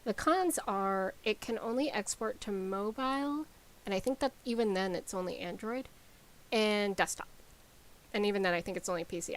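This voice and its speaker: A woman game developer talking casually on a live stream, rambling with lots of ums and likes as she explains software. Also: mid-range voice, poor audio.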